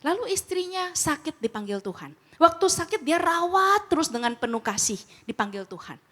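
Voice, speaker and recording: A middle-aged woman with a high, bright-pitched voice gives a casual church training talk on comforting the grieving. She tells stories and acts out both sides of remembered conversations in slangy, animated speech. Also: normal speed. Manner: lively storyteller who acts out quoted exchanges in slangy speech. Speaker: speaker at a church grief ministry training.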